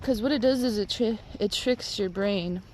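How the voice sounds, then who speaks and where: A stoned woman rambling casually and haltingly, with lots of filler "like"s, as she vlogs on a walk. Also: medium pitch, darkish tone, slight background noise, rough recording. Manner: rambling, halting, heavy use of "like". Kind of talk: casual rambling vlog talk. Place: outdoors, on a walk.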